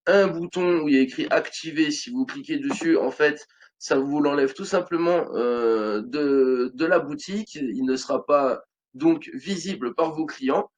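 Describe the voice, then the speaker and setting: A man's voice: a little high, a little slow, muffled recording. A man in his thirties with a French accent, casually walking viewers through an online selling tutorial, with many fillers and restarts. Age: 30s. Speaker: online business tutorial host. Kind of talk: screen-recorded tutorial walkthrough.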